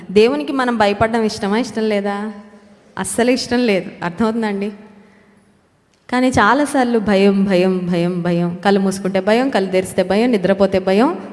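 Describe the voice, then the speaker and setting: A woman preaching a sermon who repeats key words for emphasis, puts questions to her listeners and slips English phrases into her talk. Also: on the high side. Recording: long hall reverb.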